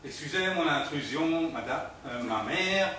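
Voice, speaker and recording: An actor playing a nervous ex-convict posing as a priest, hesitant and stammering. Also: male voice, a little high, expressive, a little slow, sharp tone, distant mic. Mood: bumbling. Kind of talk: stage comedy acting. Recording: echoey stage heard from afar, noise.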